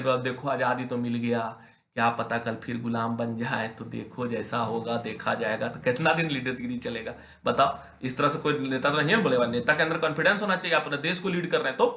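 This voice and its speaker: A young man teaching a class, reading English lines slowly and then explaining them with rising emphasis, quizzing his students with questions. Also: medium pitch, bright, forceful tone, reverberant. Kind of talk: class lesson explaining an English text in Hindi.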